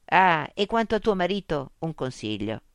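A woman's voice: low voice, sing-song, moderate pace, clean tone, no echo, studio quality. A woman voicing a forthright, confident woman scientist.

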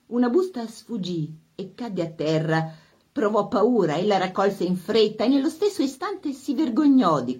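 A woman narrating an audiobook in a measured, expressive reading. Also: mid-range voice.

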